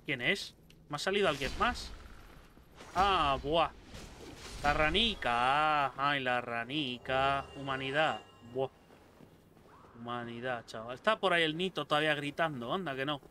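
Excitable gamer, bright voice. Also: male voice, fairly high pitch, moderate pace, pauses often, slight background noise. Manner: excitable, swears a lot, talks to enemies. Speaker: gameplay streamer. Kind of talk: casual let's-play commentary.

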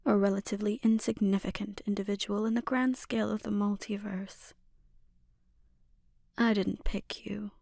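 A woman voices a seductive, threatening sorceress and obsessive mother for an ASMR roleplay, her delivery slow, breathy, often whispered, and quietly menacing. She keeps a medium pitch with little movement, captured in clean studio sound without echo.

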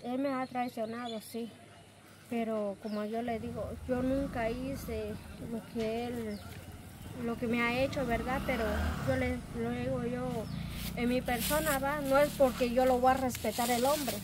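High-voiced Guatemalan woman, noisy outdoors. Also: fairly even intonation, a little slow. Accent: Guatemalan Spanish. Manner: earnest, rambling storytelling with quoted dialogue. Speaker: interviewee. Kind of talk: casual interview. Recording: outdoor recording with loud ambient noise.

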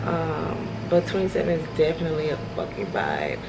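A woman in her twenties from the United States chatting in a frank, slangy, unhurried way to her travel vlog. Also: low-pitched, sing-song, creaky, heavy background noise. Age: 20s. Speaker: travel vlogger. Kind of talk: casual vlog chat. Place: hotel bedroom or balcony.

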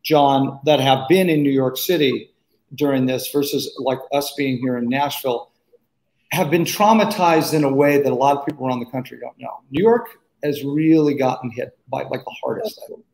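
A man's voice: mid-range voice, normal speed, a little mellow. An older man hosting a video interview show, upbeat and effusive, often repeating his words as he asks questions. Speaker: show host. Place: small studio set indoors. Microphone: studio microphone close up. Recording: roomy echo.

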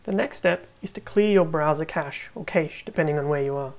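A woman hosting a tech tutorial, narrating a screen recording with calm, step-by-step instructions. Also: low voice, fast talker, gravelly, poor audio.

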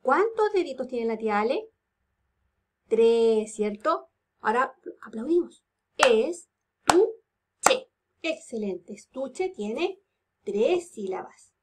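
A woman teaches little children from home in a high, bright voice. She takes her time, leaning into a sing-song lilt and stretching each word into its syllables. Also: big pitch swings, takes it slowly. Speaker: kindergarten teacher. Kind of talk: remote lesson for young children.

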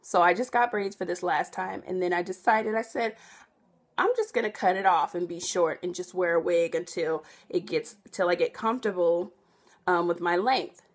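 Chatty young woman, slightly low voice. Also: moderate pace. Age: young adult. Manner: rambling, self-correcting, chatty with many fillers. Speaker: vlogger. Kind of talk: casual chat to camera.

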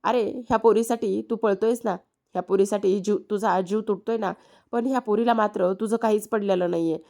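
A woman's voice: mid-range voice, steady tone, brisk, mellow, close to an everyday voice. A woman voicing a domineering middle-aged matriarch who heads a family business, in commanding, scolding quoted lines from a serial recap.

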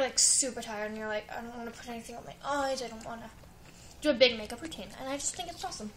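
Showing off what she bought, a teenage girl rambles casually on a home webcam in the living room, with plenty of noise in the background. Her voice sits high, and she comes across as giggly and talkative, saying "like" constantly.

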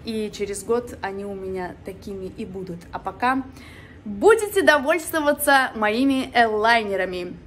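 A woman's voice: medium pitch, lively intonation, moderate pace. Chatty woman with a slight lisp, noisy room. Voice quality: slight lisp, sh for s, from new dental aligners. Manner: chatty, playful. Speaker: vlogger. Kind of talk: casual chat to camera. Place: apartment living room and kitchen. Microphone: phone at arm's length. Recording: noisy handheld phone recording.

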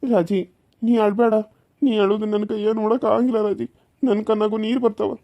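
A woman voicing a gentle young village husband in a cartoon serial. He pleads softly and apologetically. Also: mid-range voice, steady tone, a little fast, muffled recording, natural voice. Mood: consoling. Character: gentle young village husband, torn between two wives.

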